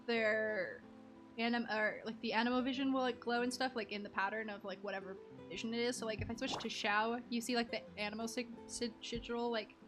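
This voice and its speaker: Over game music, a female streamer gives playful, rambling live commentary on a game, making silly sound effects as she goes. Her voice is on the high side, bright, and forceful in tone.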